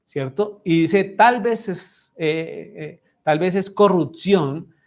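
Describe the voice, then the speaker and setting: Colombian pastor guy teaching bible study, slow and deliberate, kinda high voice for a man. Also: a little mellow. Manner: asks the class frequent questions, measured and deliberate. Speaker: messianic pastor. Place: congregation room with listeners.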